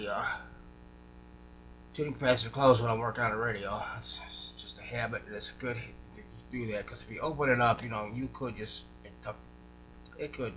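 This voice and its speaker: A radio repair hobbyist shows off a restoration, chatting in a casual, folksy way and thinking aloud during the hands-on work. His medium-pitched voice is pushed and bright, captured in a low-quality recording with clear background noise and electrical hum.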